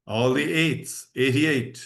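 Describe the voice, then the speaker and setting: Irish male bingo caller and host, medium pitch, measured delivery of numbers and announcements. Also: vocal fry, a bit bright. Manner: measured, repeats each number in digits then in full.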